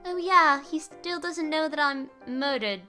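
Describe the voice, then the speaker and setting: A woman's voice: high-pitched, unhurried, sharp tone, soft background music. A woman hosting a let's play, commenting on a game in a gushing, playful, theatrical way.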